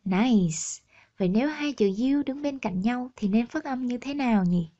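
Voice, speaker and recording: A woman teaching the alphabet to children. She pronounces each word slowly, repeats it, and praises the listener. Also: on the high side, expressive, dark tone. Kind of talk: slow pronunciation drill. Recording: dull lo-fi sound.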